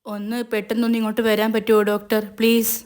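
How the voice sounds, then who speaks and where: A calm, fatherly man in charge of the house, reassuring and a little urgent, read by a woman storyteller. The voice stays smooth and clear, with little rise or fall. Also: fairly high pitch, quick pace, close to an everyday voice.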